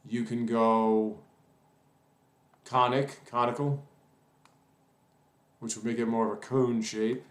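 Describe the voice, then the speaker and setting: A man's voice: mid-range voice, flat delivery, slow pace, long pauses. A man giving a casual coding tutorial, rambling and thinking aloud with plenty of fillers. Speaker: web development tutor. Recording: roomy echo.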